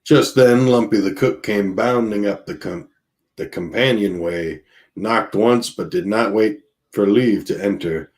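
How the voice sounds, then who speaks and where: A man's voice: fairly low pitch, measured pace. A man reading a novel aloud on a live stream, then chatting casually with his viewers. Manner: relaxed and chatty, with laughs and fillers between readings. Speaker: audiobook reader streaming live.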